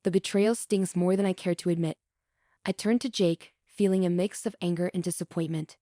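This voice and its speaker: A woman reading a first-person relationship drama as scripted narration, in an even, measured way. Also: lowish voice, no echo, clean studio sound.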